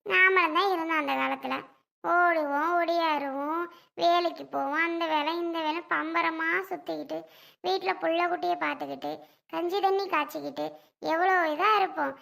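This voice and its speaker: A woman playing a sharp-tongued old village mother-in-law who nags and sneers. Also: very high-pitched, fairly even intonation, creaky, heavily acted. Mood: complaining. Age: older. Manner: nagging, sarcastic, drawn-out complaints. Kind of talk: family comedy skit.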